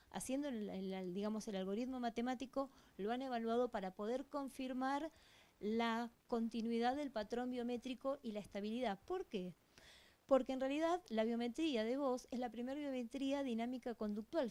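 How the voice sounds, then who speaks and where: A woman's voice: fairly high pitch, mellow. A woman with an Argentine accent giving a conference lecture as a police voice-analysis expert, teaching through frequent rhetorical questions. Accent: Argentine Spanish. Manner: didactic, many rhetorical questions. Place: conference stage. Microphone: handheld or stand microphone.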